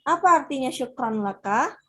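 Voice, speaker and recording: A woman teaching an online Arabic class, explaining each phrase step by step with many fillers. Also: normal speed. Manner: acts out dialogue lines with lively raised pitch.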